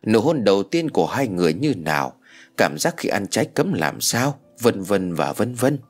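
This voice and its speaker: A man narrating an audio story in an expressive storytelling manner. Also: fairly low pitch, normal speed. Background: soft background music.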